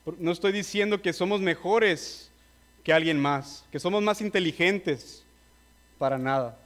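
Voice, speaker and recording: A man's voice: high voice, unhurried, a bit bright. A man preaching a sermon, earnestly urging his listeners and admitting he is nervous.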